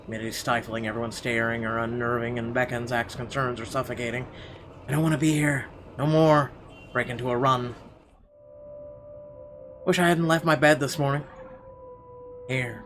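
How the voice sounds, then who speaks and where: With vocal fry in his mid-range voice, a gaming video host delivers horror visual novel narration theatrically, building suspense through emphatic phrasing. Game music sits behind the voice.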